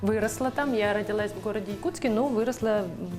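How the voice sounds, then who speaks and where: Guesting on a TV show, this young woman from Yakutia, Russia, chats while she cooks, her pitch ordinary. She's hesitant, often stopping with fillers to find her words, and music is clearly audible beneath her in the studio kitchen.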